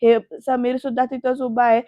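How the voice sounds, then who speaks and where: High-voiced woman chatting through an episode recap. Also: flat delivery, moderate pace. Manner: chatty, keeps addressing viewers directly. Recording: dull, lo-fi, dry sound.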